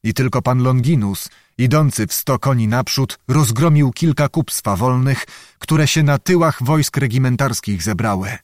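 A man reads a historical adventure novel aloud in a measured, dramatic way, his voice sitting in an ordinary middle pitch. The recording is close and completely dry, with no room sound. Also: no echo. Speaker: audiobook narrator. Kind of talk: scripted narration.

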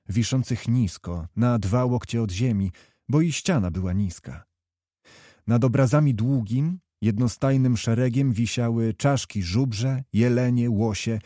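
A man with a mid-range voice works as an audiobook narrator, reading a historical novel aloud in scripted narration. His storytelling is measured and even, and the recording is dry and studio quality.

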